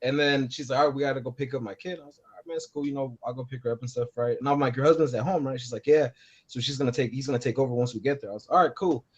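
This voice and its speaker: A man's voice: mid-range voice, fairly even intonation, rapid-fire, husky. Cussing, laughing storyteller man on lo-fi audio. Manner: swears a lot, laughs at his own story, acts out dialogue. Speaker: podcast co-host. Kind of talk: casual storytelling chat. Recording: dull lo-fi podcast audio.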